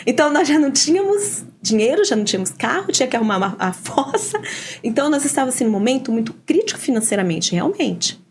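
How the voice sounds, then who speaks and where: Animated Brazilian woman telling a story. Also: high voice, quick pace, a little hiss or hum. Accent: Brazilian Portuguese. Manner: animated, often quotes dialogue with "eu falei assim". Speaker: interview guest, adoptive mother. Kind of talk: emotional personal storytelling.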